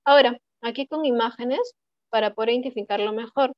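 A woman's voice: a little high, brisk, dry recording. A woman with a Peruvian Spanish accent teaching an online Italian class, patiently repeating words and checking that students follow. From Peru. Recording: dull, dry online-class audio.

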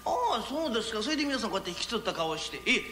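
A man plays a courteous tenement go-between with a smooth, patient way of explaining. The voice is high and quick. The recording carries echo from the hall. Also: very animated, background noise. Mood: polite. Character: polite, well-mannered go-between, adult man.

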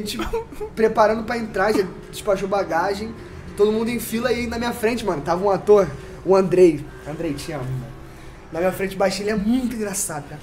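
A man with a Brazilian accent telling a story on a casual podcast, animated, full of slang and sound effects. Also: sits high, a little hiss or hum. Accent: Brazilian Portuguese.

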